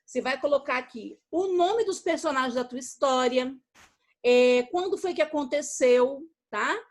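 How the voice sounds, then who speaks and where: A woman's voice: high voice, normal speed. A woman teacher with a Brazilian Portuguese accent, giving a recorded lesson to young children, patient and affectionate, checking in after every step. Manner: affectionate toward pupils, uses diminutives. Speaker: primary school teacher.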